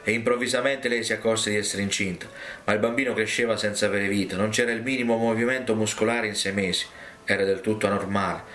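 A man's voice: on the low side, fairly bright tone, echoey room. A man preaching a dubbed sermon, telling stories and raising his voice when he quotes others. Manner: storytelling, raises his voice when quoting others.

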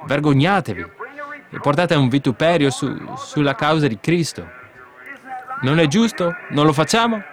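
Fervent male preacher. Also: on the high side. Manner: fervent preaching with sudden emphatic outbursts and hushed asides. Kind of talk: sermon.

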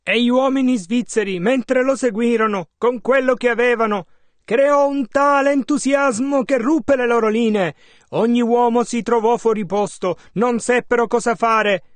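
A man interpreting a sermon, measured and following the preacher's emphasis. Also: very high-pitched, steady tone, no echo.

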